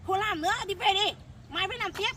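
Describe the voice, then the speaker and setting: A young woman plays a cruel young daughter-in-law with a very high, rapid-fire voice, snapping harsh commands without pause. She is recorded outdoors in a rural field, with clear country noise around her. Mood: bossy. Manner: harsh, scolding, impatient commands.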